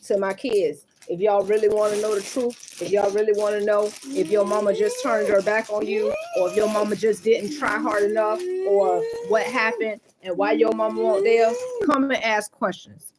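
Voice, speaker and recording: Mother venting on camera, blunt and profane, mid-pitched woman's voice. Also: lively intonation, normal speed, few pauses, noisy background.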